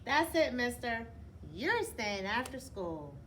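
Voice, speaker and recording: A woman's voice: a little high, big pitch swings, slow, a bit bright, heavily acted. A woman voicing a stern schoolteacher who scolds a pupil with firm, emphatic commands. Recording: clear background noise.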